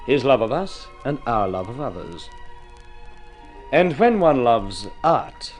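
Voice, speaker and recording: A man with a medium-pitched, darkish voice and an Australian accent narrates an old radio drama. As narrator and presenter, he uses a formal, theatrical storytelling style on a vintage radio recording with music.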